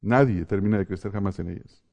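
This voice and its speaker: Middle-aged man, pastor; mellow voice, conversational preaching with laughs. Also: lowish voice, quick pace, creaky, dull audio. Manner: addresses the congregation as brothers, tells personal stories with laughter. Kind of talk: sermon.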